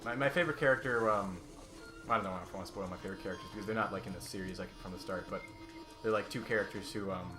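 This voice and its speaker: A young man casually chatting while playing a video game, swearing loudly when he fails. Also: deep voice, rapid-fire, music in the background. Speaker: let's play gamer. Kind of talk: casual gaming chat.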